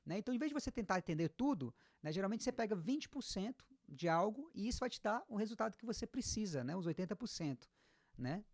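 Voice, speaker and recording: A woman with a Brazilian accent giving a casual online English lesson, explaining patiently and repeating example words slowly. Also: medium pitch, sing-song, a little mellow, dry recording. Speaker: English teacher.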